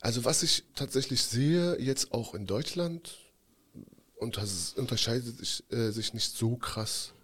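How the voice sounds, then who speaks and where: A man's voice: mid-range voice, expressive, a little slow, fairly bright tone, breathy edge. A young man from Afghanistan, a podcast guest telling his story in a hesitant, reflective way with many fillers. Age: 20s. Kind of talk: casual interview talk.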